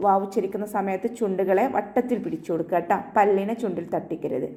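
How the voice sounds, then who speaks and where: Teaching Quran recitation online, a woman patiently takes her students through each tajweed rule one step at a time, often ending phrases gently with "ട്ടോ". When she recites the verses, her voice rises and stretches out slowly.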